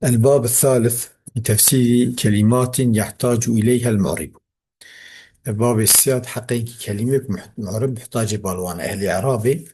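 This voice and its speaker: A man's voice: mid-range voice, darkish tone, a little hiss or hum. A man with a Kurdish accent teaching a classical grammar text, reading it aloud and then explaining it.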